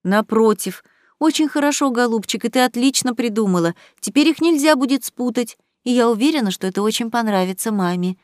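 A woman reading aloud, voicing a kind eldest sister who speaks warmly and reassuringly. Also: on the high side, lively intonation, fairly quick, few pauses, dry recording, clean studio sound, lightly acted.

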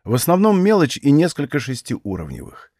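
A man voicing a calm, formal old servant with a dry ironic manner. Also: medium pitch, brisk, dry recording, pitched above the performer's own voice.

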